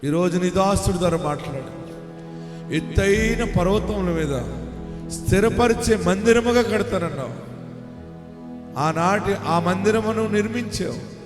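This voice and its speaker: A man pastor leading an impassioned prayer sermon, often shouting and crying out to the congregation. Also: sits high, a little slow, long pauses. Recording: echoey hall with music underneath. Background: music.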